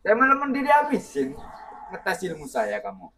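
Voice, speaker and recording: Skit thug: a man playing a stubborn extortionist, slightly high voice, keeps pressing his demand. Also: wildly swooping pitch, moderate pace, pushed and bright, a little hiss or hum, heavily acted. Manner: insistent, pushy, repeats his demands. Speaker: actor in a skit. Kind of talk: amateur skit acting.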